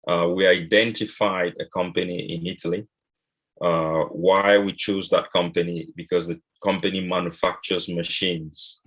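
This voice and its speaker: Man, from Cameroon, very low pitch, flat delivery, measured, frequent pauses. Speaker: cocoa and coffee exporter. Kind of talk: online panel talk.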